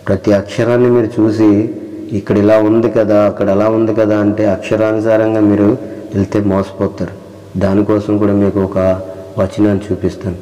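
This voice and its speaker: Deep-voiced man preaching slowly. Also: dark tone, long reverb tail, poor audio. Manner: slow, repetitive preaching with rhetorical questions and scripture reading. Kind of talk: sermon.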